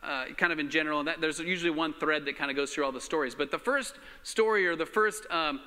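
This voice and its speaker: A pastor giving a relaxed, halting sermon at a pulpit microphone, with many fillers. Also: male voice, fairly high pitch, smooth. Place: church hall. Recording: reverberant church hall.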